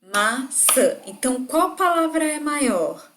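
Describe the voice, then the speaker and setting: Woman, literacy teacher, slow careful explainer, middle pitch, talking to her class from home. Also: expressive, slight background noise. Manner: patient, slow, clear word-by-word explaining. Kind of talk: online lesson demonstration.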